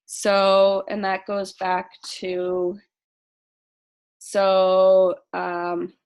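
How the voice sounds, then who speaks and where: A woman casually walking a sales team through program rules, reading questions aloud and answering them with frequent ums. She says she is losing her voice. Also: mid-range voice. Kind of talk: casual training talk.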